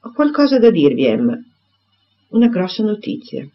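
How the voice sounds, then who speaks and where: A man reading aloud and voicing a grave, firm gentleman who delivers serious news steadily. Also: high-pitched, sing-song, normal speed, voice pushed up, full character voice. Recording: dull lo-fi recording.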